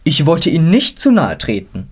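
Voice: medium pitch, huge pitch swings, moderate pace, slightly rough, voice pushed up. A storyteller voicing an anxious, politely fussy talking horse in a storybook reading. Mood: fretful.

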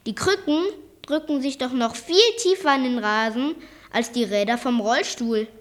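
A woman voicing a clever, cheeky boy who calmly talks back to an adult. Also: on the high side, normal speed, natural voice. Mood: sly.

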